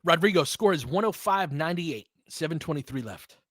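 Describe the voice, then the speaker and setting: A man with a higher-pitched, lively voice talks at a moderate pace in clean, echo-free studio audio. He hosts live basketball play-by-play in a casual, chatty way, picking apart the action like an analytical fan, using mild slang and talking with his listeners.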